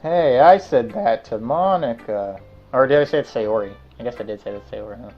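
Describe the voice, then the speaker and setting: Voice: mid-range voice, brisk, soft background music. Joking let's play host, dull lo-fi sound. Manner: jokey, reads the player character's lines aloud. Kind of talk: casual gameplay commentary.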